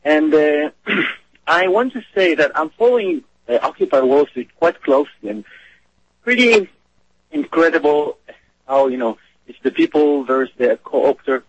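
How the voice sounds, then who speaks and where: A man from Israel calling in to a radio talk show. He speaks eagerly but haltingly, with many fillers, over a clipped phone line. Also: fairly high pitch, animated, breathy edge, no room sound. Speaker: caller. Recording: muffled phone-line call.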